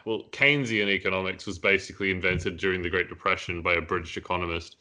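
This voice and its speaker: Low-voiced male podcast host, bright and forceful, loose rambling delivery. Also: fairly even intonation, fast. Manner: rambling, many fillers, laughs at own jokes. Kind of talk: casual discussion. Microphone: headphones and mic.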